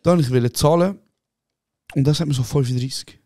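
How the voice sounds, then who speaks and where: Ein Podcast-Host aus der Schweiz mit Schweizerdeutschem Einschlag und heller Stimme redet lebhaft und schnell und spielt Szenen mit lauten Rufen nach. Die Aufnahme ist trocken und ohne Raumhall. Der Ton ist locker und kumpelhaft. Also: male voice, fairly high pitch, normal speed, dry recording, studio quality. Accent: Swiss German. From Switzerland. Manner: excited anecdote telling, acting out other people with shouts, calls the other host "Bro". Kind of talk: casual chat, animated storytelling.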